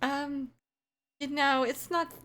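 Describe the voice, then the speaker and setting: A woman co-hosting a casual game playthrough, answering in short, dry, deadpan remarks. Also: sits high, slow, poor audio. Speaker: co-host of a gaming playthrough. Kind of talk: casual chat over gameplay.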